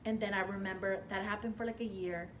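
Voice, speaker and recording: Talking quickly, a woman with a mid-pitched voice recounts her career as a hair stylist in a relaxed interview. She's animated, slipping into other people's voices and gasping for effect, over a faint background hiss.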